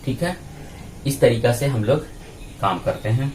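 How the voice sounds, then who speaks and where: A male teacher giving a grammar lesson, spelling out sounds one at a time in a slow, deliberate way. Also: mid-range voice, lively intonation, a little mellow, slight background noise, rough recording. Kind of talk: grammar lesson explaining on a board.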